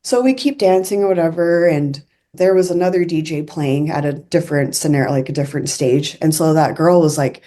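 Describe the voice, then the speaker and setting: A woman's voice: low-pitched, a little fast, dark tone. A young woman casually telling a personal story in an earnest, confiding way, full of "like" fillers. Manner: chatty, many fillers like "like" and "I'm like".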